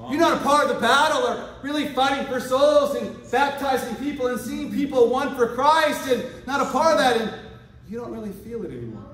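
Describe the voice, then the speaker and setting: In a large, echoey church hall, a man delivers a lively sermon from far off the mic while the congregation calls back. His very high-pitched voice runs a little fast, swinging from quiet asides to shouted exhortation, and he acts out quoted voices for laughs.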